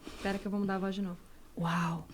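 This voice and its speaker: A woman in a casual podcast chat putting on a playful, disguised deep voice for short remarks. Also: level tone, fast talker, a little hiss or hum, close to an everyday voice. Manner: jokingly lowers her voice for short remarks.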